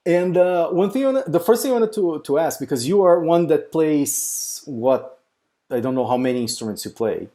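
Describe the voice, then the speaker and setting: A man's voice: a little high, expressive, moderate pace, mellow. A man hosting an interview show, asking loose questions full of fillers like "like" and "uh". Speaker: podcast host. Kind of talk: casual interview.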